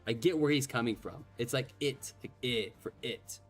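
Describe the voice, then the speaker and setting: This is casual gameplay commentary from a man with a medium-pitched voice at normal speed. A native Gaelic speaker with a slight lisp, he rambles and runs himself down, throwing in the odd swear word, with faint game music in the background.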